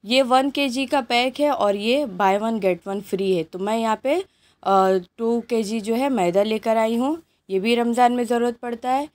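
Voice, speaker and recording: Woman host, slightly higher voice, relaxed home vlog delivery listing items one by one. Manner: chatty, unhurried listing of items. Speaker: cooking channel host. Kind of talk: grocery haul show-and-tell. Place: indoors at home, items on a patterned rug.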